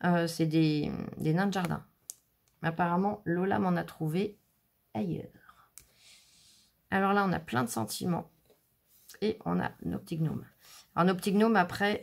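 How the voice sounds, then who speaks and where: A woman's voice: lowish voice, creaky, darkish tone. A woman chatting casually through a scrapbooking stamp haul, showing items one by one with frequent fillers. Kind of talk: casual haul video commentary.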